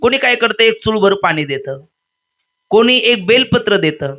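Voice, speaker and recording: A man's voice: high voice, normal speed. A man, preaching a devotional storytelling sermon and acting out the characters in his tales. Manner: lively storyteller acting out characters, chanting refrains. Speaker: kirtan preacher. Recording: dull lo-fi sound.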